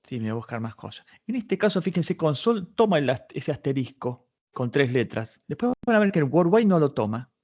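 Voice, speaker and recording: Very animated and a little fast, a man with a high-leaning, darkish voice leads a live online patent search tutorial as a workshop instructor, recorded with lo-fi sound. He works through a database search step by step, thinking aloud and restarting often to correct himself.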